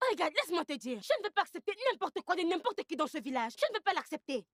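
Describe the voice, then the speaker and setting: This is a hot-tempered young village woman. Her voice is high and very lively, swinging up and down. The recording is dry and close. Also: fast talker, dry recording. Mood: indignant. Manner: outraged, bold. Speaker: dubbed film actor.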